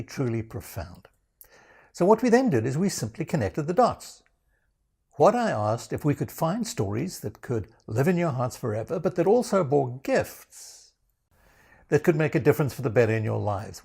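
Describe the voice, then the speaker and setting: A man with a gravelly, slightly husky voice introduces his program on video. His pitch swings widely as he delivers teasing, self-mocking asides in a dry, knowing way. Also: very animated, normal speed, mellow. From South Africa. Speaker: program founder presenting.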